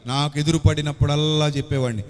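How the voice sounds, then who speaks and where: A man's voice: fairly high pitch, fairly even intonation, fast talker. A man preaching a sermon, emphatic, putting rhetorical questions to his listeners and repeating key phrases. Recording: reverberant hall.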